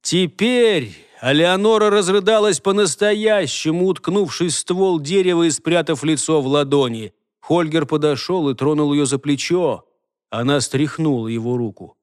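A man reading a novel aloud as narrator, measured and expressive. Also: a little high, smooth, no echo, clean studio sound. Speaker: audiobook narrator. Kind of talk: scripted narration.

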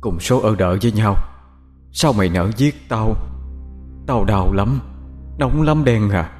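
A man's voice: lowish voice, measured pace, darkish tone, faint music behind, lightly acted. A man doing a burned, vengeful servant ghost. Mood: accusing. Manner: accusing, moaning.

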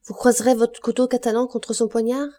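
An earnest, proud young woman in love from a storybook classic, as read by a woman narrator. Her voice is mellow and soft-edged, pressing each word with feeling. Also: fairly high pitch, little pitch movement, a little fast, pitched above the performer's own voice, lightly acted. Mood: pleading. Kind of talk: audiobook character reading.

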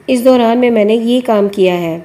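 A woman reading a bossy, fatherly old editor, mellow and unhurried in an audiobook. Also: fairly high pitch, lightly acted. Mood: instructing. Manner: coaxing and bossy. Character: older male newspaper editor, chain-smoking, brisk and fatherly.

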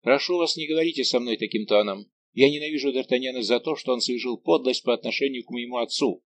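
A man voicing a scheming young nobleman who taunts and quickly flares into anger. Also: mid-range voice, slight background noise, voice pushed up, natural voice. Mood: indignant. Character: scheming young nobleman, mocking and hot-tempered.

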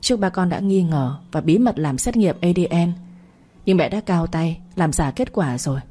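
A woman's voice: lowish voice, expressive, moderate pace, husky. A woman voicing a scheming, cruel middle-aged mother with a conniving way of talking. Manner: coaxing then sharp, conniving.

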